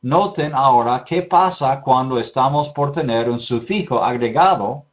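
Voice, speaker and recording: A man's voice: mid-range voice, measured pace, dull audio. A male Bible institute teacher giving a patient lecture on biblical Hebrew, repeating word forms, checking in with his students and correcting his own slips aloud.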